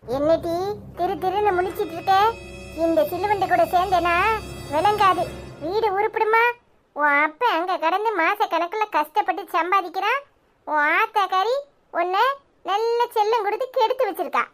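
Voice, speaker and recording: A woman voicing a bossy, sharp-tongued old grandmother in a cartoon, with a Tirunelveli Tamil accent. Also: very high voice, normal speed, soft background music. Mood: contemptuous. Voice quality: harsh, sharp-tongued scolding. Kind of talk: cartoon voice acting.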